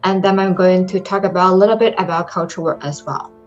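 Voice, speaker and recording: A young Chinese woman with a lowish voice and a Chinese accent presents online for a study-abroad program, speaking fast in careful English with frequent ums. Her intonation stays fairly even, soft music plays behind her, and the highs are cut off.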